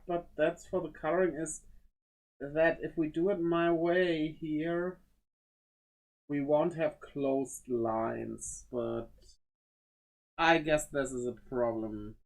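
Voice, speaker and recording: A streamer giving casual think-aloud commentary while drawing, muttering to themself and weighing small choices out loud. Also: medium pitch, slow pace, pauses often, rough recording. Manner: greets viewers playfully.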